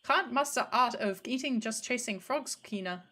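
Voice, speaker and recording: A woman's voice: fairly high pitch, moderate pace, sharp tone. A woman voicing a stern old cartoon master who scolds and lectures a pupil. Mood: scolding.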